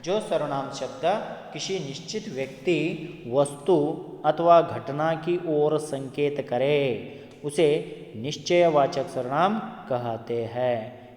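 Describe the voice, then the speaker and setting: A man teaching Hindi grammar, explaining slowly and listing example words one at a time. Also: fairly high pitch, darkish tone. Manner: slow, deliberate, repeats lists of example words one by one. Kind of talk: classroom explanation with spoken examples. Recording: echoey room with long reverb.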